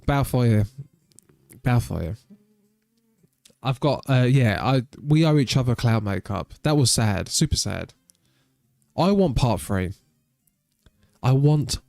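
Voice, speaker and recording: Chatty British streamer, medium voice, dry close mic. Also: male voice, medium pitch, a little mellow, no room sound. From Britain. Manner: rambling, chatty, nostalgic. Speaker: game streamer. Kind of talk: casual live-stream chat.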